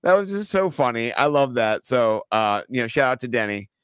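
Excitable laughing man co-hosting a podcast. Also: medium pitch, normal speed, smooth, dry recording. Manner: laughs often, animated and excitable when amused. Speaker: podcast co-host. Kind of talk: casual chat.

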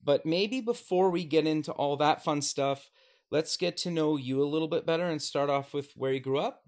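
A man hosts an interview show in a casual, upbeat way, asking questions and adding short interjections. His voice sits a little high for a man. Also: normal speed, darkish tone. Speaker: show host. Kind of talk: casual interview talk and read sponsor ad.

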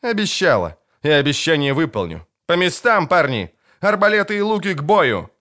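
Brief: battle-hardened woman mercenary captain, a male reader putting her on, defiant, barking orders, pitched up. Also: animated, fairly quick. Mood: commanding. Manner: shouted commands, raised high voice.

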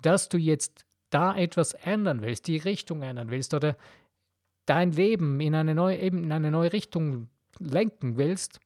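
A man's voice: a little high, unhurried, darkish tone, no room sound, studio quality. Blunt, preachy male podcast host. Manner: blunt, preachy, addresses the listener directly. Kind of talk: motivational monologue.

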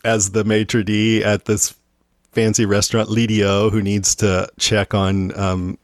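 A man's voice: lowish voice, level tone, a little slow, no room sound, clean studio sound. A man hosting a podcast, talking casually about favorite movies and animatedly acting out lines. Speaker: podcast host. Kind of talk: casual film chat.

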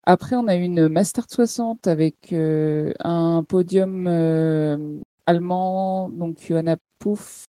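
Warm, low-voiced woman co-host. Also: slow pace, no room sound. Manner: hesitant, many fillers. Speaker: podcast co-host. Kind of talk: casual sports chat.

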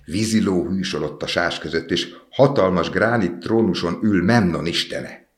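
A man reading a fairy tale aloud in a calm, measured storytelling manner. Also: sits low.

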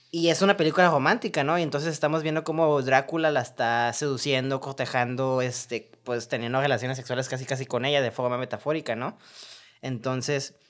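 A man with a Mexican Spanish accent chatting about movies on a podcast, crude and joking, telling his stories in an animated way. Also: mid-range voice. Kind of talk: casual film discussion.

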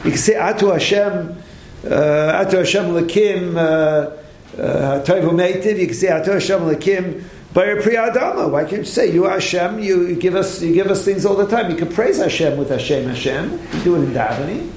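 A man, a rabbi, giving a late-night Talmud lecture, animated, firing rhetorical questions and restarting his sentences, with many Hebrew terms. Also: high voice, normal speed, reverberant, a little hiss or hum. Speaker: rabbi teaching a Torah class.

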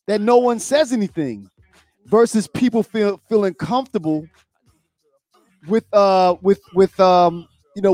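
A man co-hosting a casual talk show, speaking in halting bursts and often repeating and restarting his words. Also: sits high, a little mellow, no echo. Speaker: co-host.

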